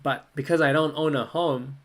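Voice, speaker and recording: A young man from Malaysia, hosting a casual livestream Q&A at his desk, relaxed and chatty, often laughing and thinking aloud. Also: on the high side, normal speed. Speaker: livestream host answering viewer questions. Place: small room indoors.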